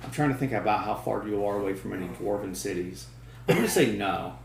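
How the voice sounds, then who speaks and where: Man running the game, lively. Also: on the low side, fairly quick, gravelly, roomy sound, a little hiss or hum. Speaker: dungeon master. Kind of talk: running a tabletop game, casual chat.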